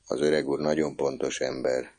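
Man voicing a kind older student, gentle, soft-spoken, low, dark, quiet. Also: level tone.

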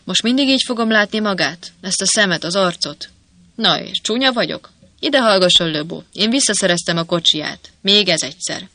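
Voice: medium pitch, animated, pushed and bright, dry recording. A reader putting on a brash soldier ghost. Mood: mocking. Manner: brash, mocking, teasing. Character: ghost of a gruff, cocky male soldier. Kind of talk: audiobook character voice.

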